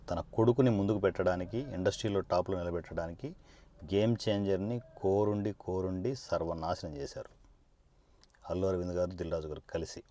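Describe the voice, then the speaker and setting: A politician speaking straight to camera in a confrontational monologue, sarcastic and combative, firing one rhetorical question after another. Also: male voice, sits low, mellow.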